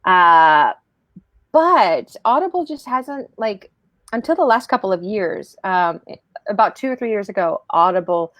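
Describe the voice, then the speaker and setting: A middle-aged woman chatting casually as an author guest, animated and emphatic in a conversational way. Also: medium pitch, measured pace, no room sound, highs cut off. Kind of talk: casual chat.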